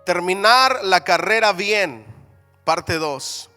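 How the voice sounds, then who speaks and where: A man's voice: high voice, lively intonation, takes it slowly, sharp tone, faint music behind. A man teaching a Bible seminary class in a church hall, calling on the class to answer, repeat after him and say amen. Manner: call-and-response, asks the class to repeat; reads scripture aloud with emphatic rises.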